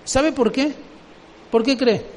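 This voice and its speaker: A man with a very high voice delivers a sermon and keeps asking the congregation questions. His voice rings with a long reverb, and faint background noise sits underneath. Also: slow, darkish tone. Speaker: preacher.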